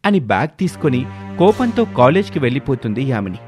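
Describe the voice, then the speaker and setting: Expressive male story narrator. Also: mid-range voice, fairly quick, soft background music.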